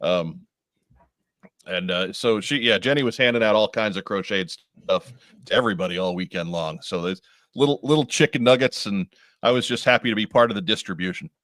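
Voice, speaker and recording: A man hosting a podcast, talking in a relaxed, laid-back way. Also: lowish voice, a little fast, no room sound, clean studio sound. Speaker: podcast host. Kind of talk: casual podcast chat.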